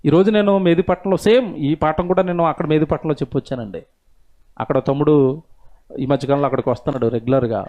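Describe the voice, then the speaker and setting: A male pastor preaching a sermon, swinging between loud rhetorical questions and low asides. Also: steady tone, fast talker, highs cut off.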